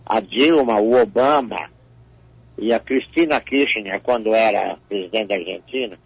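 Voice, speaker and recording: An older male comedian telling stories in a radio interview, tripping over repeated words as he goes. His voice is gravelly and husky. The sound is dry and a little muffled. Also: fairly low pitch, unhurried, no room sound. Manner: repeats words often, storytelling. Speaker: comedian guest.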